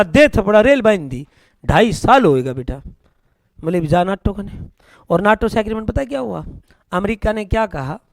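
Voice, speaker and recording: A male teacher with a Haryanvi accent runs a current affairs class for exam students. His voice sits very high for a man. The recording is dry and close, and he keeps firing questions and answering them himself, with folksy jokes. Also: no room sound. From India. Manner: folksy, joking asides.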